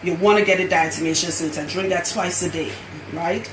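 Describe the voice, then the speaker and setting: A woman with a fairly low voice and a Trinidadian accent talks a little quickly, laughing and animated, while hosting a live stream during her loctician work at a hair salon. The room echoes, and there's background noise.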